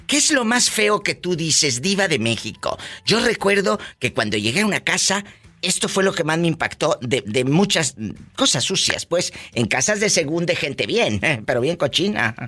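Woman, Mexican accent, radio call-in host, loud, theatrical, teasing, bright voice, lively pitch. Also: moderate pace. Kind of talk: live radio call-in banter. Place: radio studio.

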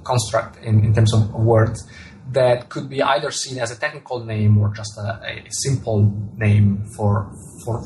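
This Italian man, an author and astronomer, gives considered interview answers in an Italian accent, frequently repeating words as he looks for the right way to say things. His pitch is medium, and the recording quality is low.

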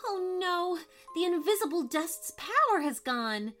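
A woman voicing a small, loyal, excitable fairy companion in a storybook, exclaiming urgently. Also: high voice, measured pace, faint music behind, pitched above the performer's own voice, heavily acted.

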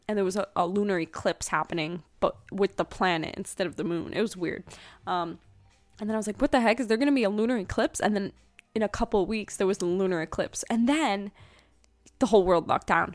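A young woman with a medium-pitched voice rambles through her weekly oracle card reading as a spiritual podcaster, chatty and casual and full of ums and asides. The recording is dry.

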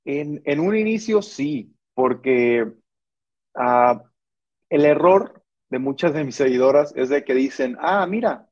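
A man's voice: mid-range voice, takes it slowly, darkish tone, lo-fi sound. A man who serves as an army sergeant, explaining at length in a conversational interview, earnest and full of restarts and hesitations.

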